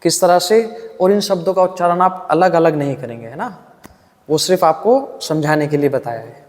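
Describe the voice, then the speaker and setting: Calm male yoga teacher with reverb. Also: a little high, moderate pace. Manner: calm, patient step-by-step guidance; demonstrates breathing and humming aloud. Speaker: yoga instructor. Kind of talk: instructional yoga lesson.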